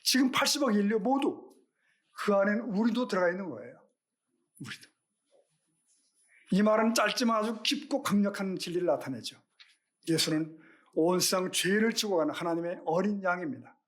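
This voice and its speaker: A man's voice: sits high, expressive, normal speed, pauses often, a bit bright. A middle-aged male pastor giving a Sunday sermon, earnest and questioning, with rhetorical questions to the congregation.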